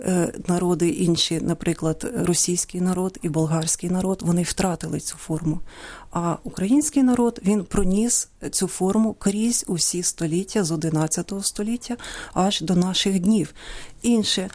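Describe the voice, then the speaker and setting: A woman guest in a studio interview, explaining old word forms in a measured, lecturing way and listing examples slowly. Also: on the low side, mellow. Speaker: guest linguist.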